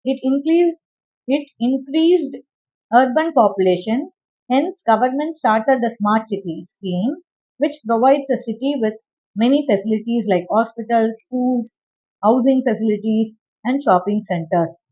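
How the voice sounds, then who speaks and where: A woman teacher reading a textbook aloud and dictating answer points to her students, with quick asides between passages. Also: fairly high pitch, lively intonation, warm tone. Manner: reads text aloud, then gives quick asides to students. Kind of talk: classroom lesson dictating notes. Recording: dull lo-fi recording.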